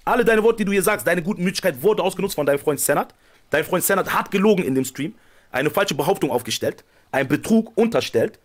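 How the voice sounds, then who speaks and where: Male reaction streamer, rapid and pushy, higher-pitched, accusatory tone. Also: lively intonation. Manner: insistent, accusing.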